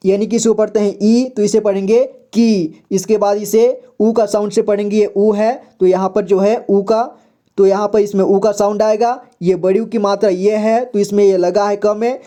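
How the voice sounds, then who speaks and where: A male Hindi teacher with a high, dark-toned voice leads a beginners' reading lesson. He patiently sounds out syllables one at a time, checking in often with "okay?"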